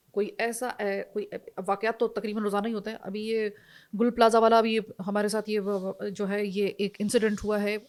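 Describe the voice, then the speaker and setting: Female podcast host from Pakistan, probing questions, hesitant fillers, slightly high-pitched.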